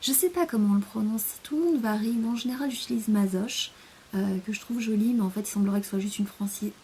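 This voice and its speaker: A woman's voice: mid-range voice, fast, dark tone, a little hiss or hum. A young French woman chatting in a casual rambling monologue, hesitant, with many fillers, often sinking to a near-whisper. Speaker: vlogger.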